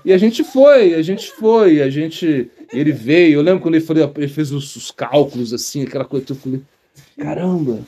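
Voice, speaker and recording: A man's voice: on the high side, animated, moderate pace, dark tone, breathy edge. A man, a monk, giving an informal spiritual talk, telling rambling anecdotes and acting out the people he quotes, often laughing. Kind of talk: informal spoken discourse with anecdotes.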